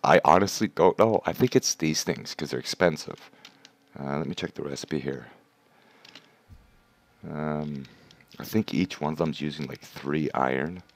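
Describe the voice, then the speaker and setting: A man's voice: extremely low pitch, a little slow, pauses often. A man hosting a livestream, chatting casually and explaining game mechanics step by step. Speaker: livestream host. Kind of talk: casual gameplay commentary.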